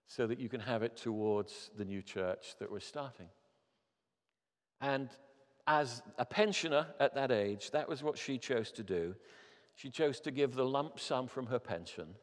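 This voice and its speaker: A man in his fifties preaching a sermon as a pastor, earnest and building to emphatic appeals. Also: mid-range voice. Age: 50s. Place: church hall. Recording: long hall reverb.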